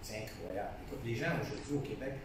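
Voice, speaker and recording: A man's voice: fairly low pitch, quick pace. Echoey, distant Québécois man. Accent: Québécois French. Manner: enthusiastic, repeats phrases, restarts often. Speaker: painter being interviewed. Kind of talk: casual conversational interview. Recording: distant echoey room sound with faint noise.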